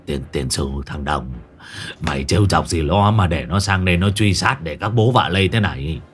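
A man playing a gruff wheezing old grouch, low muttered curses, breathy, storytelling. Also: lively intonation, moderate pace, soft background music. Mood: cursing.

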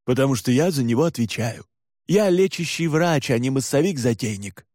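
A man's voice: mid-range voice, expressive, normal speed, darkish tone, no echo, studio quality, natural voice. A man voicing a stern older male head doctor who speaks curtly and with irritation. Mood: irritated. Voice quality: gruff, curt. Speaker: head physician.

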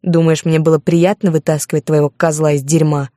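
A reader voicing a cold, possessive male lover who speaks slowly with calm mockery. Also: mid-range voice, no room sound, clean studio sound, natural voice. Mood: cold smug.

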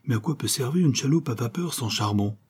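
A man's voice: mid-range voice, animated, fairly quick, darkish tone, husky, pitched above the performer's own voice. A man voicing a fretful boatman's wife. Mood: worried. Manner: fretful, talkative, pleading. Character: stout red-faced boatman's wife, fretful. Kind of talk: audiobook character reading.

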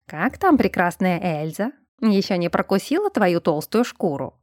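A woman's voice: lowish voice, sing-song, normal speed, darkish tone, no echo. A cheeky hyena-man who mocks his friend over the phone, read by a woman narrator. His lines come out teasing and sly. The recording is close and dry.

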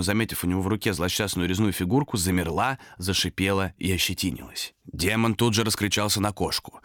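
A man reading a scary story aloud as narrator, dramatic and expressive. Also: sits low, no echo, clean studio sound. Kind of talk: audiobook narration of a horror tale.

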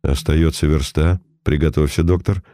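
A man voicing a calm, mocking old detective, deep and gravelly. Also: unhurried, dry recording, studio quality, exaggerated voice. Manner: cool, commanding, sardonic. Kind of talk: audiobook character voice.

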